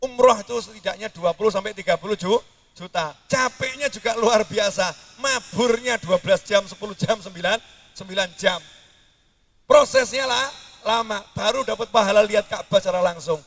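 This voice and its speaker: A man preaching a sermon, jumping between high outbursts and low mutters. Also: brisk, fairly bright tone, recorded from a distance.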